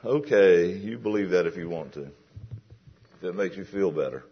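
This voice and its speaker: A man's voice: deep voice, lively intonation, normal speed, husky, muffled recording. A man preaching a sermon in a conversational way that builds to emphatic questions.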